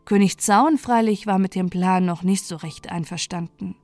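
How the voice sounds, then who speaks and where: Woman, bedtime fairy tale, gentle soft narration, dry close sound, quiet music behind. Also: on the low side, moderate pace, no echo. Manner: gentle, soft, sometimes whispered. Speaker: storyteller. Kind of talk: calm bedtime story narration.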